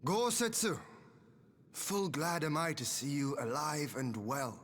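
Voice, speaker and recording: Grave, formal young lord. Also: male voice, on the high side, fairly bright tone, a little hiss or hum. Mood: moved, warm. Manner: formal, archaic, measured phrasing. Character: calm, courteous young lord leading a rebellion, grave and resolute. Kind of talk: scripted video game dialogue. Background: music.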